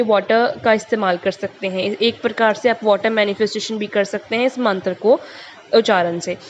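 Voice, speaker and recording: Relaxed and conversational, a young woman hosting a tarot channel talks to her audience in a somewhat high voice, slipping in offhand English fillers. A soft hiss sits beneath the muffled, lo-fi recording.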